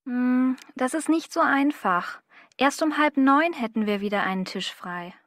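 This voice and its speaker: A woman's voice: high-pitched, measured pace, fairly bright tone, no room sound, clean studio sound. A woman playing a polite, helpful restaurant employee in a language-course dialogue.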